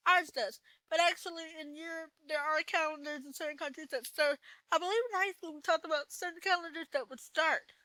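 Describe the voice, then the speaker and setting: A woman's voice: high voice, pushed and bright, no room sound, low-quality recording. A woman hosting a podcast, giving a personal testimony in a blunt, preachy manner and swearing freely. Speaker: podcast host.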